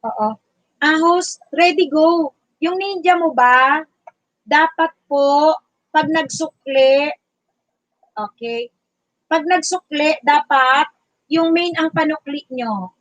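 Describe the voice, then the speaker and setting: A teacher from the Bicol region hosting a casual livestream, loudly chatting and greeting viewers by name. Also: female voice, sits high, takes it slowly, long pauses, no room sound, low-quality recording. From Bicol region, Philippines.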